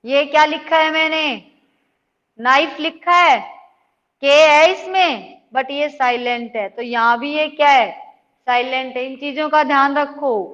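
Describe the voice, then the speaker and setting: Patient woman teacher, high voice, slow. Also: fairly bright tone. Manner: patient, checks in with students often. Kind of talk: online class lesson. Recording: dull lo-fi audio with long reverb.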